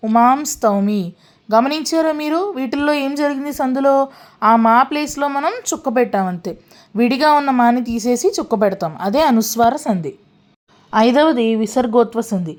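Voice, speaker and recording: A woman teaching a grammar lesson, slowing down for each worked example and often asking the listener if they have followed. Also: on the high side. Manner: asks the listener frequent check questions; slows down to spell out worked examples.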